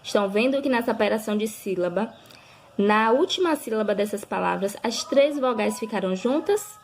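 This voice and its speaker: A woman, a primary school teacher recording a review lesson for children, talking slowly and patiently, drawing out example words and often checking in with her listeners. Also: medium pitch, animated.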